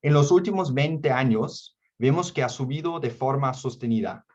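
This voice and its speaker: A man's voice: mid-range voice, normal speed, a little mellow. A man from Germany speaking non-native Spanish with a German accent and small slips, presenting an online workshop. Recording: dull, band-limited online call audio.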